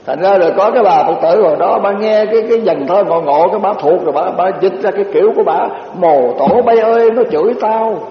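An older man, a Buddhist monk, giving a slow dharma talk, telling stories and reciting verses. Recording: echoey hall, dull low-fi recording with faint hiss.

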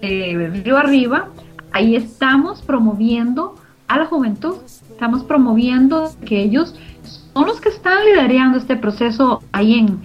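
Her voice sits high, with lively intonation and a moderate pace: a middle-aged Costa Rican woman being interviewed about the community radio organization she co-founded. She speaks earnestly and emphatically, repeating phrases, in muffled lo-fi audio with music behind her.

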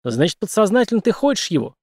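A man's voice: sits high, very animated, fast, darkish tone, slightly rough, dry recording, pitched above the performer's own voice, exaggerated voice. Brash teasing woman friend, read by a man.

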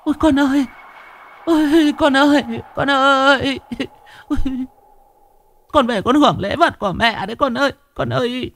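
A man's voice: extremely high pitch, normal speed, vocal fry, pauses often, fairly bright tone, no room sound, pitched above the performer's own voice, heavily acted. A man voicing an older woman who grieves for her dead son in a tearful, wailing lament.

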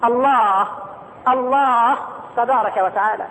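A middle-aged Egyptian man delivers a sermon in a strikingly high voice, often pausing to question his listeners. His words carry a long reverb, as if he is in a large hall. A faint hum of ambience sits behind him. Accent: Egyptian Arabic. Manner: animated, questioning the audience, dramatic slowdowns. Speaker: preacher.

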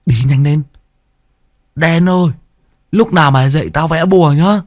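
A man's voice: a little high, moderate pace, darkish tone, voice pushed up, close to an everyday voice. A man voicing a chatty, stammering young male sidekick who whines a lot in a spoken ghost story. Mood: cheeky.

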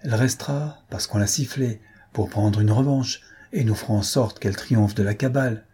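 Audiobook: reader doing a fatherly, shrewd stage director, mellow, husky. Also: lowish voice, normal speed. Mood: coaxing. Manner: coaxing, paternal. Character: older male troupe director, soothing, shrewd.

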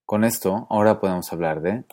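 A man hosting a podcast, explaining pronunciation methodically, spelling out letters and repeating sounds slowly. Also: fairly low pitch, dark tone. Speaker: podcast host.

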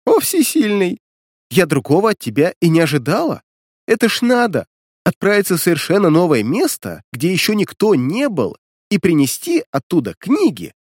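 A man's voice: sits high, huge pitch swings, moderate pace, a little mellow, husky, dry recording, studio quality, pitched above the performer's own voice, heavily acted. A man reading an audiobook voices a sarcastic, mocking young woman student who scolds and teases the hero. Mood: scolding.

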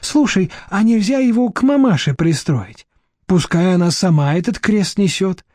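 A man's voice: high voice, animated, moderate pace, a little mellow, no room sound, studio quality, voice pushed up. A man reading an audiobook, voicing a shrewd middle-aged woman who talks bluntly and sardonically. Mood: sardonic.

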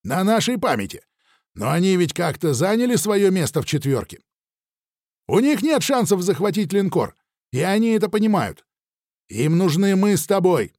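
Male reader as a cocky young sidekick, high and animated, dry studio read. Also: moderate pace, dry recording. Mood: brash. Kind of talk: audiobook character voice.

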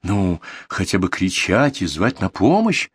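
A man voicing Ktoya, a curious and skeptical woman, in an audiobook reading, asking her questions slowly in a raised voice. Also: very animated, breathy edge, no room sound, exaggerated voice. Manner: high, slow, questioning.

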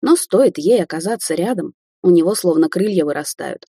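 Husky, dark-voiced woman narrator. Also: fairly low pitch, animated, normal speed, dry recording, clean studio sound. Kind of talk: audiobook narration.

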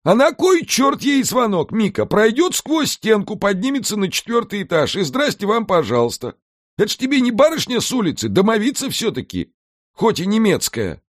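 A man voicing an excitable, scheming male house brownie in an audiobook, brash and wheedling. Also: high-pitched, no room sound, clean studio sound, voice pushed up. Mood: eager. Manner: fast-talking, brash, wheedling. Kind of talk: audiobook character voice.

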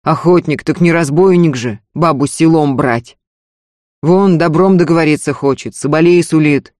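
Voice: medium pitch, moderate pace, darkish tone, no room sound, clean studio sound, natural voice. A reader voicing a restrained, grumbling middle-aged peasant husband in an audiobook. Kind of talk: audiobook character voice.

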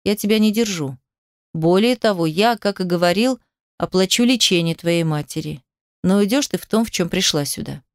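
A woman voicing a cold, domineering rich young man in an audiobook, lowering her voice to a taunting, mocking drawl. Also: moderate pace, no room sound, clean studio sound, lightly acted.

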